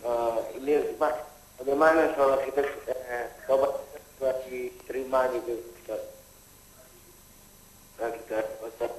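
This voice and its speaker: A male caller speaking haltingly, his voice garbled and robot-like over a broken phone line. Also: mid-range voice, steady tone, reverberant, slight background noise. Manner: halting, hesitant.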